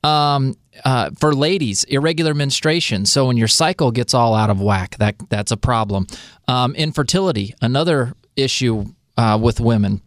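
A man's voice: mid-range voice, normal speed, no room sound. Male co-host, casual health talk, emphatic and filler-heavy, dry close studio sound. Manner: chatty, emphatic, lots of fillers.

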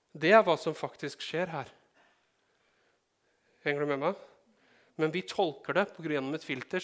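A man from Norway preaching a sermon in a fairly high voice. He talks to the congregation in a conversational way, asks them questions and slips in light joking asides. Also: fairly bright tone. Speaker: pastor.

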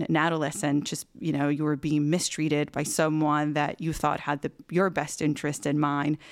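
A woman therapist asks gentle, supportive questions at a measured pace. Her voice is smooth and clear. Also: deep voice. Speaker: interviewer, therapist.

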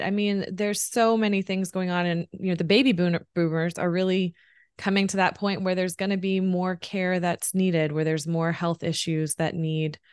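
Low, smooth-voiced woman host. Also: no echo, clean studio sound. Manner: supportive, affirming. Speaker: podcast host. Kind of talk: interview conversation.

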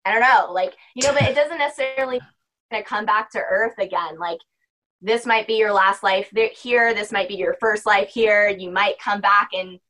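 As a guest on a podcast, a young spiritual practitioner rambles through a casual interview, leaning heavily on "like" and "you know." She speaks at normal speed in a mid-range voice with a sharp tone, captured on a low-quality recording.

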